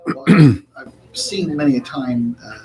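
A man's voice: medium pitch, lively intonation, a little slow, a crowd in the background, poor audio. A man speaking casually and conversationally as a guest in a radio discussion. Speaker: radio show guest with a business background.

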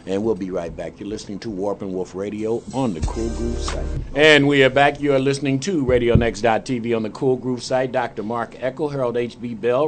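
Upbeat low-voiced man hosting radio. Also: a little hiss or hum. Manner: upbeat, animated, laughs easily. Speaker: radio show host.

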